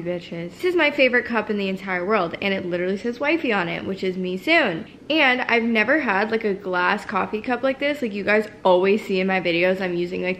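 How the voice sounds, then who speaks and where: Bright-voiced chatty young woman vlogger. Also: medium pitch, slight background noise. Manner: chatty, gushing, says "like" a lot. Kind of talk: casual chat to camera. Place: bedroom and home kitchen, indoors.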